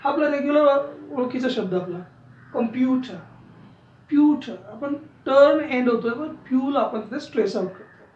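Woman, pronunciation teacher, slow stressed word drills, asks questions, dull muffled recording, from a distance. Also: high-pitched, expressive, darkish tone. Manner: repeats words slowly, stressing syllables with emphasis; asks learners questions and checks understanding. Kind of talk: classroom lesson in Marathi. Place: room with a writing board. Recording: roomy, distant and dull sound.

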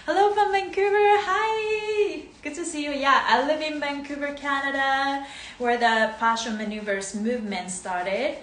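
A woman's voice: sits high, fairly even intonation, measured pace, a bit bright. A woman in her thirties, originally from Japan and a native Japanese speaker, leading a live-streamed movement class with bubbly, sing-song greetings and frequent laughs, filmed on a phone in her living room. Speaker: movement coach. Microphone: phone camera, close then from across the room. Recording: echoey room with faint noise.

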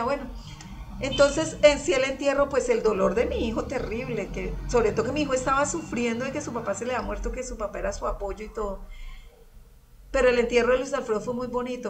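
A woman's voice: on the high side, fairly quick, far from the mic. Earnest Colombian woman sharing a testimony. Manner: earnest, emotional, often addresses the priest. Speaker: guest giving a testimony. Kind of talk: personal faith testimony.

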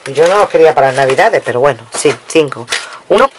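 A Spanish woman with a low voice talks fast and with lively intonation as she casually shows off a craft-supply haul at her table, chatting with viewers and counting items aloud. It's a noisy home recording full of crinkling packets.

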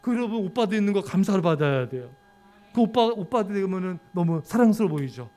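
A male pastor preaching an afternoon sermon, joking with and teasing the children in the pews and sometimes shouting at them to be quiet. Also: sits high, lively intonation, quick pace. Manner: breaks into sudden shouts for quiet.

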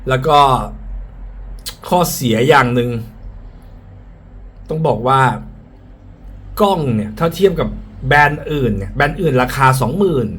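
A man's voice: mid-range voice, animated, unhurried, pauses often, a bit bright. A man speaking through a face mask, slightly muffled, giving a frank, casual product review and often repeating his points. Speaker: tech reviewer. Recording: clear background ambient noise.

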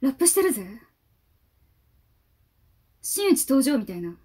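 A woman YouTuber giving casual fan reaction commentary on a music video, gushing and excitable, talking half to herself. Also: high-pitched, moderate pace, husky.

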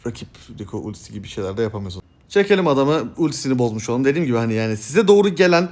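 A young man commenting excitedly on his gameplay, hoarse from shouting, jumping between loud high yelps and low mumbled asides. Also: rapid-fire. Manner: bursts into loud high yelps and laughter, then drops to mumbling. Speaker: gaming streamer.

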